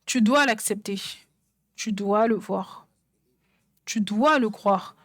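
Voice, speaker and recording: A woman's voice: mid-range voice, slow pace, dry recording, studio quality. A woman preaching a sermon, emphatic and repeating phrases for stress. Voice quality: songwriter speaking of her own songs.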